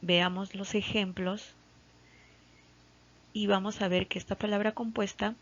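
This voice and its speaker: A woman's voice: mid-range voice, little pitch movement, a little slow. A woman teacher with a Peruvian Spanish accent giving a patient classroom grammar lesson, checking in with frequent tag questions. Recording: dull lo-fi recording.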